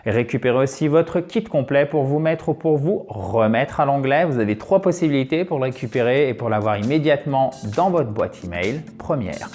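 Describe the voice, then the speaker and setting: A man teaching an English grammar lesson on video, lively and chatty, often checking in with his viewers. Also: medium pitch, moderate pace, hardly any pauses, faint music behind.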